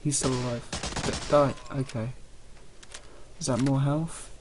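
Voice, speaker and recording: A man with a medium-pitched voice commentates on a video game at a slow pace. He is offhand and jokingly sarcastic, with game gunfire and faint noise behind him. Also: steady tone. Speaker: let's play host. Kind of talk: casual gameplay commentary. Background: video game ambience and gunfire.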